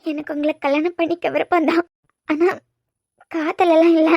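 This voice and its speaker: A woman's voice: high-pitched, quick pace, no room sound, lo-fi sound, lightly acted. A woman voicing a guarded, hurt young woman in a cartoon serial, speaking with a Kanyakumari Tamil accent in a pleading, emotional way. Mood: tearful.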